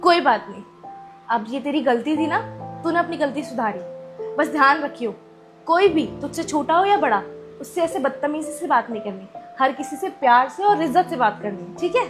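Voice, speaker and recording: A woman acting as a young mother of a seven-year-old girl, scolding loudly at times and speaking gently at others, in a family drama skit. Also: high voice, animated, moderate pace, music in the background. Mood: gentle.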